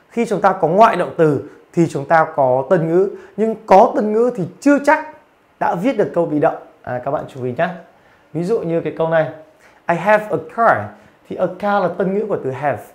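A man teaching, giving an online grammar and pronunciation lecture and explaining patiently with frequent fillers. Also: high voice. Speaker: English teacher.

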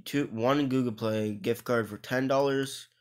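A young Irishman talks loosely over his mobile gameplay, tripping over and restarting his words as he goes. His voice is smooth and clear, sitting at an ordinary male pitch. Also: steady tone, a little slow. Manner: rambling, restarts words often. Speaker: mobile game YouTuber. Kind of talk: casual gaming commentary.

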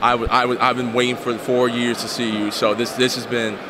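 A man's voice: medium pitch, flat delivery, fairly quick, background noise. A young man, hosting a casual interview for a fan channel on a handheld microphone. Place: indoor convention booth.

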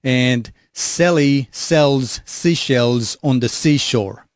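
A man's voice: mid-range voice, drawn-out words, no room sound, studio quality. A man in a casual tutorial, his s sounds coming through harsh and hissy with no de-essing. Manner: hesitant, many fillers. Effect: harsh hissy sibilant s sounds, de-esser off. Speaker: audio gear demonstrator. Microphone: studio vocal mic through a processor.

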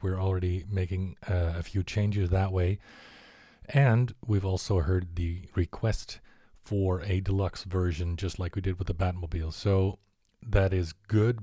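Man, low, mellow tone; relaxed, filler-heavy product update to his buyers. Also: dry recording, clean studio sound. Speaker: collectibles maker presenting a prototype.

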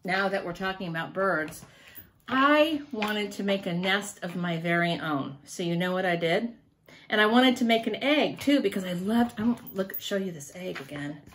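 A woman reading a picture book aloud to a child in an animated, sing-song way, stopping to ask questions. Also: medium pitch, normal speed, slight background noise. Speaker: storyteller for children.

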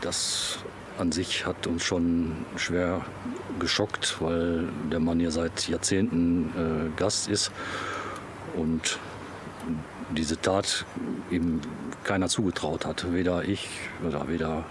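A middle-aged man, a campsite operator, interviewed outdoors, speaking slowly and haltingly as if shaken. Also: low-pitched, little pitch movement. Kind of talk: on-the-street interview. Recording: outdoor background noise.

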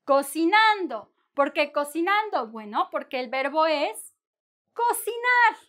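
Bright, unhurried woman teaching Spanish. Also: sits high. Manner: playful, animated, drawn-out syllables for practice. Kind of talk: bilingual language lesson.

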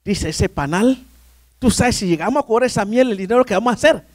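A male pastor telling a lively personal story during a sermon, often calling listeners "brother". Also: sits high, fairly quick, no echo, clean studio sound. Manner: animated storyteller, often addressing "hermano".

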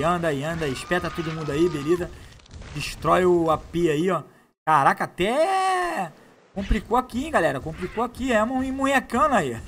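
A young man giving excited, heavy gameplay commentary. He repeats phrases and calls out to his viewers. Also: a little high, a little hiss or hum. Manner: hyped, slangy, repeats phrases, shouts at the screen. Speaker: gameplay youtuber.

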